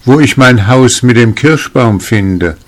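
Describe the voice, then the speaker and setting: A man's voice: low voice, animated, takes it slowly. A man doing a bewildered old farmer. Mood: pleading. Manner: puzzled, earnest pleading. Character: simple, bewildered old farmer, trusting and confused.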